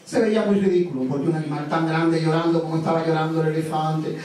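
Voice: medium pitch, fairly even intonation, quick pace, darkish tone, slight background noise. A storyteller telling a folk tale live with playful, sing-song repetitions. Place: live event room. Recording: echoey live room from far off.

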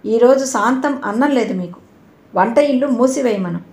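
A woman's voice: fairly high pitch, expressive, normal speed, darkish tone. A woman voicing a stern, angry woman who runs a hostel, with a harsh, scolding manner and a roomy echo.

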